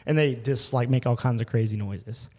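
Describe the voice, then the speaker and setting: Excitable man rambling through a hunting story. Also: medium pitch, normal speed, in a large hall. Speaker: podcast co-host telling a hunting story. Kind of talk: casual chat.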